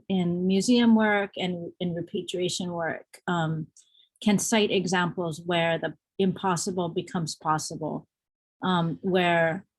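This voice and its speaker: A woman with a fairly low voice speaks on a symposium panel. She is reflective and animated, and she stresses her points with emphatic asides. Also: poor audio.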